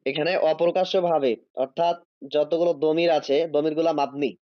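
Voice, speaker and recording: A man's voice: on the high side, fairly even intonation, no room sound, highs cut off. A man teaching an online Arabic grammar class, explaining step by step, drawing out each Arabic word as he reads it, and checking whether students follow. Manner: drawn-out reading of Arabic words.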